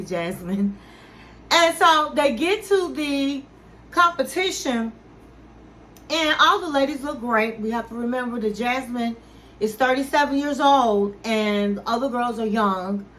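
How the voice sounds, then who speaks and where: High-voiced chatty woman recapping TV. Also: normal speed, a bit bright, low-quality recording. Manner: chatty storytelling, acting out the people she quotes. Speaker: reality TV recap commentator. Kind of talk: casual recap commentary.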